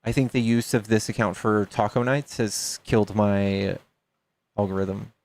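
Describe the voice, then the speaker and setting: A man in his thirties chats casually on a livestream, joking with viewers and reading donations aloud. His voice is lowish and a little mellow, with a steady tone and a measured pace.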